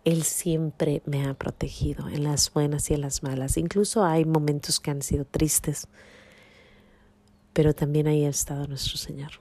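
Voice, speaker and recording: A woman's voice: low-pitched, little pitch movement, normal speed, a little mellow, no echo. A woman hosting a podcast, telling a personal faith testimony with emotion and sometimes dropping to a whisper. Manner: emotional storytelling, drops to a whisper at tense moments. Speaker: podcast host.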